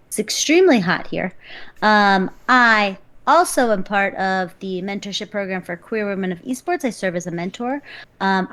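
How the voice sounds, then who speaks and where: Relaxed woman esports co-host. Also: medium pitch. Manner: relaxed, lists things with many ums. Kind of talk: casual livestream chat. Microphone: live stream microphone.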